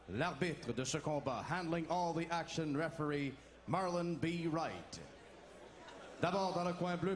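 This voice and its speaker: A male boxing ring announcer with a fairly high voice and a slow, ceremonial delivery. He speaks formally, stretching out his words over an echoey arena sound system. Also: noisy background. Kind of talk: bilingual French and English ring announcing.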